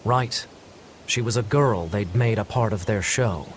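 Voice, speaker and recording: A man's voice: on the low side, a little slow, slight background noise, natural voice. An actor playing an earnest townsman in a video game, speaking in a conversational storytelling manner. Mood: somber, matter-of-fact. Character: earnest male townsman recounting grim local news.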